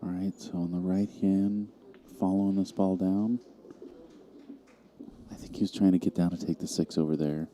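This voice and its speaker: A man giving calm, analytical live commentary on a pool match, calling each shot. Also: low voice, normal speed, slight background noise.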